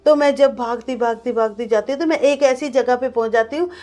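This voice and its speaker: A woman's voice: on the high side, brisk, darkish tone. Earnest woman telling a vivid testimony. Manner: earnest, vivid storytelling mixing in English words. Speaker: guest sharing a testimony. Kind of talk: emotional personal testimony to a pastor.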